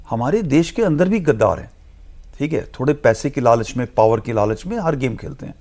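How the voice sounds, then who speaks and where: A man's voice: mid-range voice, vocal fry, darkish tone. A man speaking as a studio guest analyst in a discussion, explaining earnestly and emphatically, mixing English phrases into his talk.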